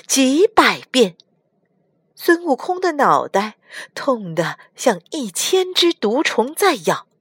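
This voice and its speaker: Woman reading a children's story, lively sing-song voice, slow, dry close sound. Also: fairly high pitch, husky, no echo. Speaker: storyteller mother.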